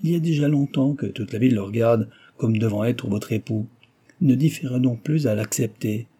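A man's voice: mid-range voice, normal speed, warm tone, husky, close to an everyday voice. A man voicing a blunt, pushy husband who presses a young woman in a read-aloud novel. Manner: blunt and dismissive.

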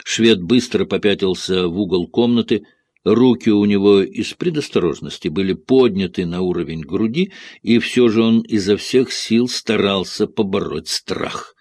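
Male audiobook narrator, measured expressive reading, very deep husky voice, dry close sound. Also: no room sound. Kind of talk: scripted literary narration.

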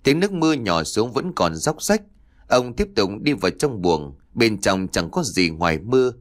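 Low-voiced man narrating a horror story. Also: normal speed. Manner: expressive storytelling. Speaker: audiobook narrator.

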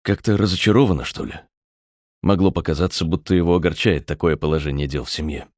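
A man narrating an audiobook with a measured, expressive reading. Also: low voice, no room sound, studio quality. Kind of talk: scripted narration.

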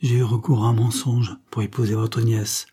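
A man's voice: medium pitch, flat delivery, moderate pace, mellow, slightly rough, close to an everyday voice. A man voicing a cowardly, scheming young nobleman who pleads and then turns defiant, read in a storybook.

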